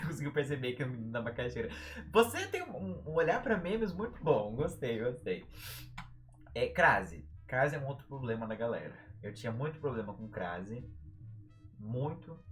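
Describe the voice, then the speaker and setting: A young Brazilian man with a Brazilian Portuguese accent runs a relaxed live-stream writing lesson. He jokes around, and his pitch swings widely as he talks. He stretches syllables out long to make a point. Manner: playful, jokey, drags out syllables for emphasis. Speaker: writing tutor.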